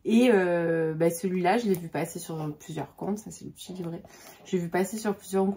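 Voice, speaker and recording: A book vlogger in her forties chats casually about books, hesitating often with lots of fillers and restarts. Her voice is on the low side and mellow, at a normal speed.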